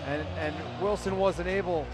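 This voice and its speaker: A man's voice: high-pitched, fairly even intonation, moderate pace. A man giving color commentary on arena football, analytical and chatty, often repeating words mid-thought. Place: indoor arena broadcast booth.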